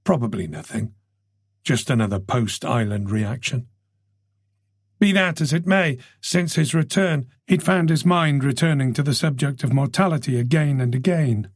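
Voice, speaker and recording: A man narrating a mystery audiobook in a measured, steady way. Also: mid-range voice, husky, no room sound, clean studio sound. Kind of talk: scripted narration.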